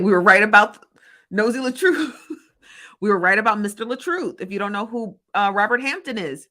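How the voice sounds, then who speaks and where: A woman with a mid-range, slightly bright voice hosts opinionated news commentary and reads viewer comments. A confident storyteller, she is emphatic, repetitive and argumentative, breaking into quick laughs.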